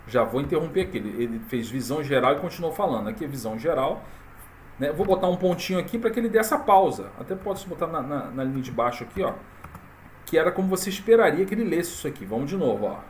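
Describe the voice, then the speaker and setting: A man walking viewers through a software tutorial in a casual, chatty way, full of fillers and tag questions. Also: on the high side, big pitch swings, fast talker, a little hiss or hum. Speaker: tutorial presenter. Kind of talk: casual screen-recorded tutorial.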